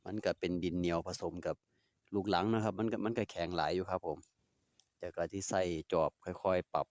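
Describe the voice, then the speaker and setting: Deep and brisk, this man's voice comes through on a dry recording. He's a DIY vlogger with an Isan accent from Northeastern Thailand, casually narrating as he works outdoors in his yard, easygoing and chatty, with polite particles and remarks to his dogs.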